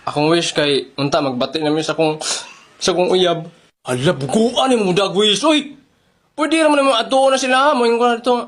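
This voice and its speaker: A performer acting out comedy skits alone, playing every part and jumping between voices with animated delivery. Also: mid-range voice, moderate pace.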